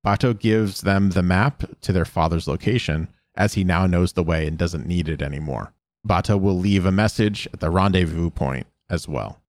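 A man with a low voice co-hosts a chatty podcast, walking through an episode and slipping into short voiced quotes of the characters. His sound is dry and close to the mic. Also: darkish tone, dry recording. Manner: retells scenes with quick voiced quotes and fillers. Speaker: podcast co-host recapping episodes. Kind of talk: casual chat, reading episode recap.

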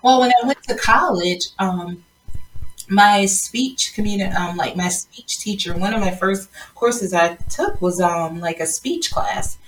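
A woman's voice: mid-range voice, expressive, measured pace, far from the mic, poor audio. A woman from South Georgia hosting a casual interview, chatty and laughing often as she tells stories. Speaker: podcast host.

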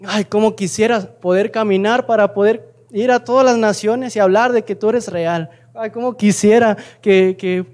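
A frail young man pleads earnestly with God, stumbling over his words, as a preacher acts him out. The voice sits fairly high for a man and sounds sincere. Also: a little mellow, lightly acted. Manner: pleading, stammering.

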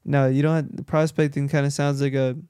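A man, a podcast host who works in real estate, chatting casually and telling animated stories. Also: mid-range voice, fairly quick, smooth, no echo, studio quality. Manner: animated storyteller who acts out quoted dialogue.

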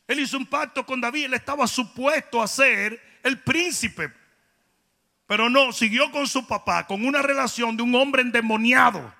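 A man with a Dominican accent preaching a humorous sermon, telling stories with comic voices and building to loud, emphatic peaks. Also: very high voice, gravelly. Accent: Dominican Spanish. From Dominican Republic. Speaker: pastor.

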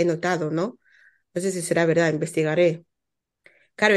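Chatty woman. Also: lowish voice. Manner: animated storytelling with many repetitions and asides. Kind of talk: casual chat about motherhood.

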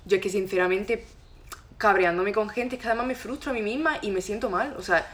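Fast-talking young woman. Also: medium pitch. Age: young adult. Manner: fast, lively, expressive storyteller. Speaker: podcast guest. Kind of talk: casual chat.

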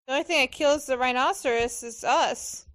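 A woman chatting casually while watching a film, gushing and expressive in her reactions. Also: sits high, normal speed. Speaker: movie reaction commentator.

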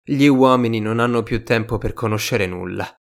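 A man voicing a patient, slightly melancholy fox in an audiobook reading, calm and reflective. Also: mid-range voice, moderate pace, natural voice. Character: wise, gentle fox, patient and a little melancholy.

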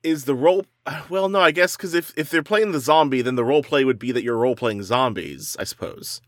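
A man's voice: mid-range voice, a little fast, fairly bright tone, dry recording, studio quality. A man co-hosting a comedy podcast, chatting and bantering casually. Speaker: podcast co-host.

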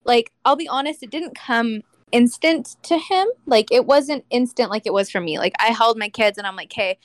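A woman's voice: fairly high pitch, normal speed, dry recording. Woman in her 30s, podcast guest, chatty and heartfelt, lots of "like", dry close sound. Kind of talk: casual chat.

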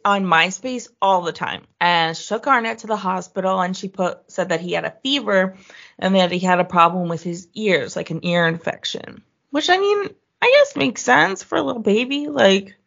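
A young woman telling a true crime story to a friend on a podcast, her voice carrying a gravelly fry. She chats loosely, swears now and then and pitches up to quote people. The sound is a little dull and lo-fi. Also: expressive, normal speed, a bit bright. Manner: chatty, swears casually, acts out quotes in a higher voice. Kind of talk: casual storytelling chat.

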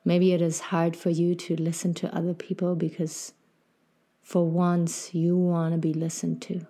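A woman leading a guided meditation in a soft, gentle, soothing way, with phrases sometimes fading toward breathy near-whisper. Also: fairly low pitch, completely flat delivery, unhurried. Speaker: podcast host and meditation guide.

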